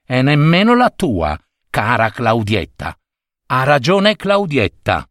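A man's voice: medium pitch, huge pitch swings, takes it slowly, a bit bright, dry recording, clean studio sound, full character voice. A man voicing a blunt young schoolboy who scolds a classmate. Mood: scolding.

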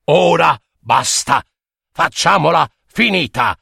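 A man voicing a proud, hairy storybook monster who makes loud, boastful threats. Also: a little high, lively intonation, slow, creaky, breathy edge, no echo, clean studio sound, exaggerated voice. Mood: angry. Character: proud hairy monster, blustering and easily hurt.

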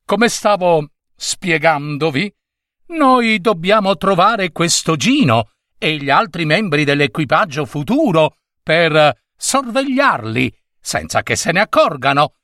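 A bossy little cosmic chick from outer space lectures the humans in a high, bright, jumpy voice, as a man puts it on. It speaks slowly and sharply, full of its own importance. The voice is close and dry. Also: very animated, no room sound, full character voice. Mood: lecturing.

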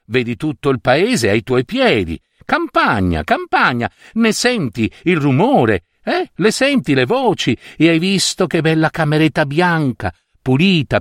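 A man reading aloud and voicing an older mother who gently coaxes a young girl. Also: fairly high pitch, dry recording, studio quality. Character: kindly older mother coaxing a young bride.

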